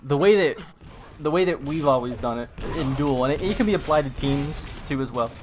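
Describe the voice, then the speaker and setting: A man's voice: a little high, lively intonation, fairly quick. A man from North America casting a live esports tournament who rambles with many fillers and restarts, and has the hiccups. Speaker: tournament commentator.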